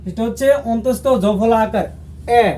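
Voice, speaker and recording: A man from Bangladesh teaching a language lesson, slowly and patiently repeating each sound for his viewers. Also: sits high, mellow. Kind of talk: lesson explaining how to say letters.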